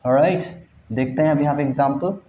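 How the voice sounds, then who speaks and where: A man's voice: fairly high pitch, brisk, dark tone, a little hiss or hum. A man teaching English grammar in a classroom lecture, drilling students with repeated questions. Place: classroom with a board. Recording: roomy, dull classroom recording.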